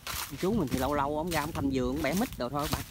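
A man's voice: fairly high pitch, rapid-fire, background noise. A man with a Mekong Delta Vietnamese accent, chatting casually to viewers in an outdoor vlog while walking through rural orchards and canal banks. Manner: chatty, keeps addressing viewers as friends. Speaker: hunting vlogger.

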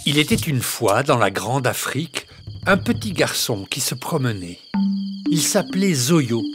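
A man narrating a children's tale in an expressive storytelling manner. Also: medium pitch, measured pace, over loud music.

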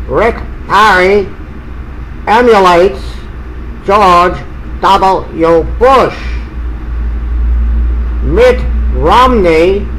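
Man doing a slow, bright robot voice. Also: high-pitched, a little hiss or hum, exaggerated voice, rough recording. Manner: flat, mechanical, repetitive delivery. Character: deadpan male robot running for office. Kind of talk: parody campaign commercial.

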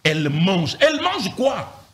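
A man, a pastor teaching from the Bible in an animated, emphatic way, repeating phrases and firing rhetorical questions. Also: sits high, slow, slight background noise.

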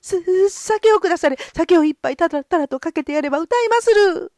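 A woman's voice: sing-song, measured pace, no room sound, clean studio sound, heavily acted. A woman voicing a greedy, fawning male peddler in a folk tale, calling out like a street hawker. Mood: pleading. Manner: shrill, fawning, hawker's calls.

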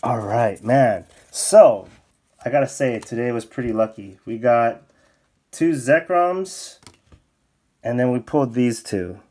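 Male YouTuber, unhurried casual unboxing chat, yelps when thrilled. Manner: excitable, bursts into high exclamations. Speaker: card-opening YouTuber. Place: indoors at a desk, off camera.

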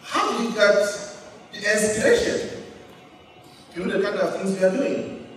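A middle-aged man from Cameroon tells his life story to a student audience, holding a handheld mic on a large auditorium stage. His voice sits a little high. The sound rings through a big hall and comes from some distance. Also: moderate pace. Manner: storytelling, animated gestures. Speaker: keynote speaker. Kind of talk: motivational speech to students. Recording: echoey hall, picked up from far.

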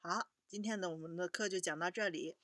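A woman teaching a children's language lesson, patiently repeating each word slowly for young learners. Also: lowish voice, fairly bright tone, dry recording, clean studio sound.

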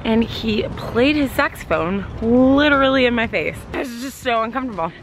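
A woman's voice: on the high side, animated, moderate pace, a little hiss or hum, low-quality recording. A young woman chatting casually and playfully to a handheld camera in a vlog. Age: young adult. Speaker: vlogger. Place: car, streets and busy public spots. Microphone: camera held at arm's length.

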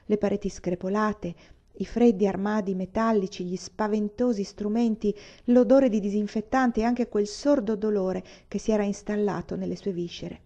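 A woman narrating a novel in a calm, measured reading, in a dull lo-fi recording. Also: medium pitch. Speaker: audiobook reader. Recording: dull lo-fi audio.

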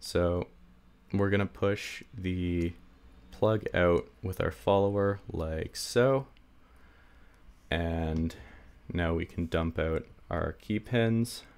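A man speaks slowly in a low, slightly stuffy voice that is a little mellow and smooth, with fairly even intonation. He's a hobby lockpicker giving a casual hands-on tutorial at a table indoors, rambling and self-deprecating with many fillers. He sounds congested, like he's getting sick.

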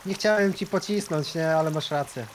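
A young man playing a co-op game with a friend, bantering playfully and calling out with quick exclamations. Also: a little high, very noisy. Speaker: co-op game partner. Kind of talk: casual gameplay banter.

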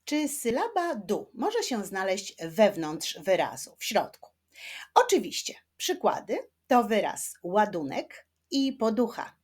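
A woman teaching children to read, speaking slowly and carefully and drawing words out syllable by syllable, gently encouraging her young viewers. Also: mid-range voice, wildly swooping pitch, breathy edge. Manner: slow, carefully spaced speech, stretching words syllable by syllable. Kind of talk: children's reading lesson.

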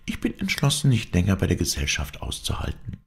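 A man's voice: low-pitched, wildly swooping pitch, fairly quick, vocal fry, exaggerated voice. A man voicing a spirited young woman circus rider in an audiobook, talking in an urgent, playful rush. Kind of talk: audiobook character voice.

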